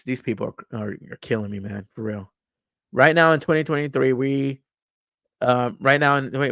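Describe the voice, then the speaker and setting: A man's voice: mid-range voice, vocal fry, a bit bright, dry recording, clean studio sound. A young man hosting a podcast, reading news aloud and ranting about it, stumbling over words, repeating himself and swearing as he gets heated. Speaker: podcast host.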